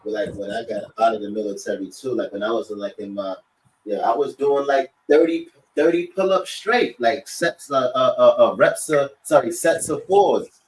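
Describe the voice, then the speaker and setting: A man's voice: medium pitch, moderate pace, rough recording. A man, rambling through casual slangy chat and often checking in with the listener. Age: late 30s.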